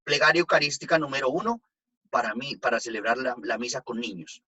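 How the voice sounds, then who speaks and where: A man, a priest, giving a relaxed talk on liturgy to a group and taking their questions, checking in often with his listeners. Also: medium pitch, brisk, breathy edge, rough recording. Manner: conversational, checks in with "¿no?" and "pues". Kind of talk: informal teaching talk with audience questions.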